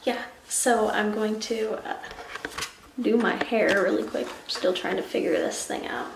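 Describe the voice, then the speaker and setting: Woman vlogger, casual and hesitant, unhurried, recorded as noisy echoey home camcorder audio. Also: mid-range voice, gravelly. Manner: hesitant, with many pauses and fillers. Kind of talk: casual vlog to camera. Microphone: built-in camera mic.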